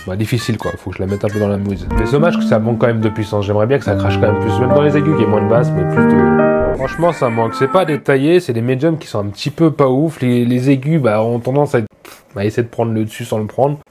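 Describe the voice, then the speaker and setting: Nursing a head cold, a man chats his way through a casual, self-deprecating unboxing as a tech reviewer. He talks fast in a mid-range voice, while faint music comes from the speaker under test.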